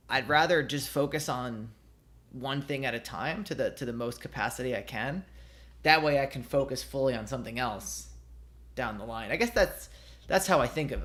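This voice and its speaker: A man's voice: medium pitch, a bit bright. A man in a casual conversation, hesitant and restarting often as he thinks aloud.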